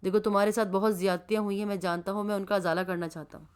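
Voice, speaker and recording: A woman reading the lines of a gentle older man, a family patriarch, in a soft, earnest audiobook voice. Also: mid-range voice, level tone, clean tone, close to an everyday voice.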